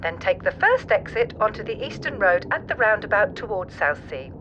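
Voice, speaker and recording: A woman voicing a calm, precise female car navigation computer with a smooth, even, machine-like delivery, cool and literal. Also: medium pitch, normal speed, dull audio, music in the background. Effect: smooth, even machine-like device voice.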